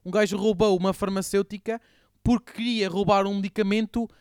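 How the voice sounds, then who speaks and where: Slangy young Portuguese man, smooth voice. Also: sits high, fairly even intonation, a little fast, darkish tone, no echo, clean studio sound. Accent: European Portuguese. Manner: slangy, rambling, filler-heavy. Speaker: podcast co-host. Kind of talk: casual chat.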